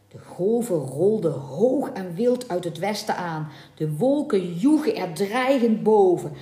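A woman reading a legend aloud in a scripted storybook narration, dramatic and expressive. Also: low-pitched. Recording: echoey room.

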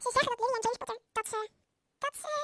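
Woman reading stern older witch professor, storybook, very quick, bright tone, stumbling over words. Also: very high voice, steady tone, dry recording, clean studio sound. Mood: worried. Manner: read aloud with stumbles and restarts.

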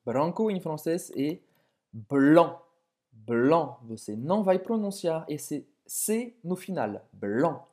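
A woman with a low, mellow voice co-hosts a podcast language lesson. She speaks slowly and says French words over and over, and her pitch moves widely as she shows how to pronounce them. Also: very animated. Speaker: co-host and French teacher.

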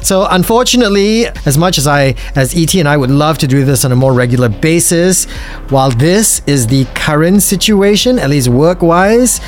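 A Singaporean man with a slightly high voice works as a paranormal radio host. He talks in a casual, chatty podcast style, addressing his listeners directly, with music playing under his voice. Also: animated, moderate pace. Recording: music bed behind the voice.

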